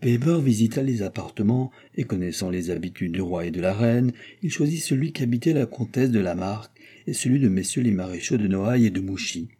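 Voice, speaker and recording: Low, dark-voiced male narrator. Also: animated, fairly quick, few pauses, breathy edge. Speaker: audiobook narrator. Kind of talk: scripted narration.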